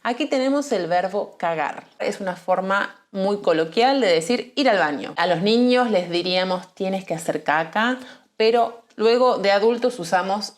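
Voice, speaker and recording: A woman with an Argentine accent gives a Spanish lesson. She explains clearly and patiently, and slows down to repeat key words. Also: medium pitch, animated. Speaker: Spanish teacher.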